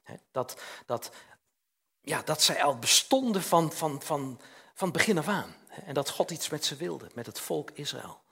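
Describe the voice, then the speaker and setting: A man's voice: a little high, very animated, moderate pace, creaky, sharp tone, slightly rough. An older man preaching a chatty, informal sermon, often tagging questions onto his sentences and acting out little scenes.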